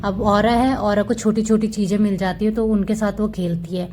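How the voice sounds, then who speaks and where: A woman's voice: medium pitch, flat delivery, moderate pace, noisy background. A woman giving a casual, chatty voice-over about her pet cats, fond and explaining as she goes. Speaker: cat vlogger.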